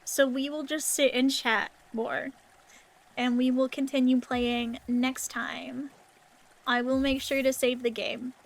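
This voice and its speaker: A woman's voice: high voice, little pitch movement, takes it slowly, poor audio. A woman livestreamer rambling casually to her viewers in a cute, anime-streamer manner.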